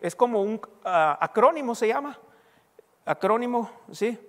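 A man's voice: sits high, lively intonation, unhurried. A man preaching a sermon as pastor, teaching and quizzing his congregation with call-and-response questions. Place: church hall. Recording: long hall reverb.

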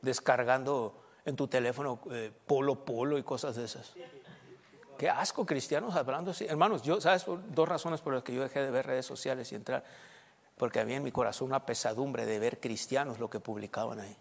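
A man preaching a sermon as pastor, emphatic, swinging between loud and soft and checking in with the congregation. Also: medium pitch, a little fast, vocal fry. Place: church. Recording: long church reverb.

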